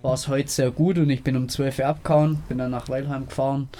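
A young man chatting casually with friends, rambling in a relaxed, slangy way. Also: medium pitch, fairly quick. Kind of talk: casual chat among friends.

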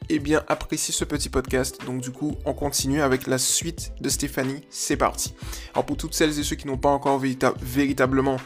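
A man hosting a casual solo dog-training podcast, rambling, joking and correcting himself as he goes. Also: on the high side. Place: indoors, alone by a wall.

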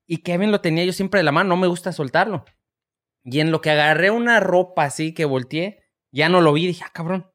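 A man in his thirties, a podcast co-host telling a story in lively casual chat and acting out the voices. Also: a little high, fairly quick. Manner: animated storyteller, acts out voices, swears freely.

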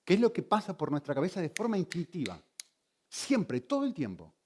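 A man preaching with a fairly high, very lively voice that swings up and down. He asks the congregation question after question as he teaches. His delivery stays animated throughout. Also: a little fast, a little hiss or hum. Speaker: pastor. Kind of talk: sermon.

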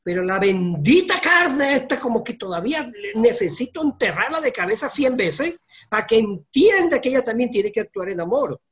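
A man preaching a sermon, animated, moving between soft and loud delivery. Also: extremely high pitch, moderate pace.

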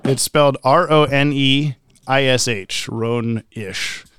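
Sex: male. Role: podcast co-host. Style: casual, playful chat, reading out comments. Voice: smooth and resonant, medium pitch. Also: slow pace, fairly bright tone, no room sound, studio quality. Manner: playful, laughs often.

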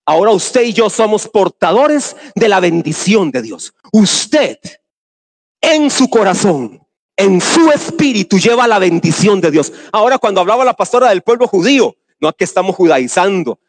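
A male pastor preaching emphatically, putting questions to the congregation and alternating slow stressed phrases with quick runs. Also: high voice, lively intonation. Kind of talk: sermon.

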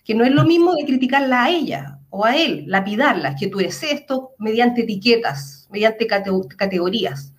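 A woman's voice: a little high, expressive, normal speed, few pauses, a little hiss or hum. A woman with a Chilean accent, a psychologist explaining things earnestly in an interview, using everyday examples. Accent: Chilean Spanish.

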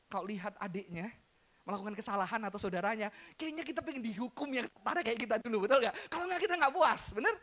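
A man preaching a sermon to his congregation, animated and joking, mixing in English phrases. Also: high voice, fast talker. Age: adult, father. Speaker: pastor.

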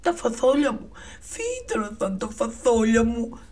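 A woman's voice: medium pitch, warm tone, voice pushed up, close to an everyday voice. A woman voicing Jack, an eager and naive young boy, with a childish lisp.

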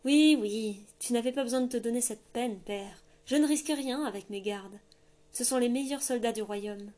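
A woman voicing a brash, mocking young male king who speaks loudly and with taunting liveliness. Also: a little high, normal speed, lightly acted.

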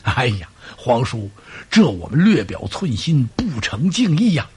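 A man voicing two panicked enemy generals who plead in shrill, flustered tones, in a traditional storytelling performance. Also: big pitch swings, a little slow, a little mellow, breathy edge, exaggerated voice.

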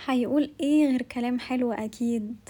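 Fast, chatty Egyptian woman storyteller. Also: on the high side, mellow. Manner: chatty and sarcastic, asides to listeners. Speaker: podcast host and narrator. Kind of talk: comic diary-style storytelling.

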